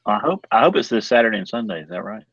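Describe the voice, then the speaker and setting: A man's voice: on the low side, expressive, racing, vocal fry, a bit bright, breathy edge, no room sound. A man co-hosting over a remote call, his voice sounding thin like AM radio as he chats casually and jokes easily. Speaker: co-host calling in. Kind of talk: casual chat. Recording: dull lo-fi call line.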